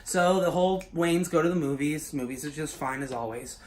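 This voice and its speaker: A man casually pitching his own story as a YouTuber, loose and swearing, full of filler words. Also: brisk, darkish tone, slight background noise.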